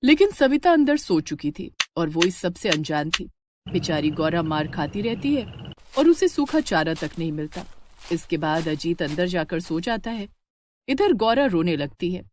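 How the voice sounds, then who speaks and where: A woman narrating a moral story in an expressive, dramatic way. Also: on the low side, normal speed, noisy background.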